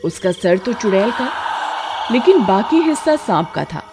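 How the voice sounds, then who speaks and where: A woman's voice: medium pitch, big pitch swings, measured pace, music in the background. Woman narrating a cartoon story. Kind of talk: scripted narration.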